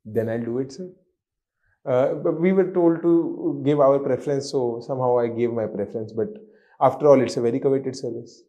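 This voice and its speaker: A man's voice: medium pitch, moderate pace, mellow, lo-fi sound. A man in his twenties with an Indian accent answering formally and a little nervously as an interview candidate, deferential and hesitant. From Haryana, India. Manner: deferential, often saying sir.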